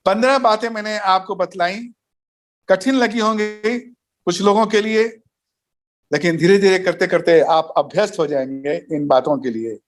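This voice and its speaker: A pastor gives a Bible study lesson in a fairly high voice. He works through numbered points and tells short anecdotes along the way. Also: normal speed. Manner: didactic, enumerates points, tells jokes and anecdotes. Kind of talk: recorded teaching session.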